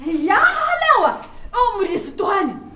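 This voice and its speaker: A woman's voice: very high-pitched, big pitch swings, moderate pace, pushed and bright, a little hiss or hum, heavily acted. An actress playing a cheeky male house servant who talks back, with an Egyptian accent. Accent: Egyptian Arabic. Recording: roomy echoey set.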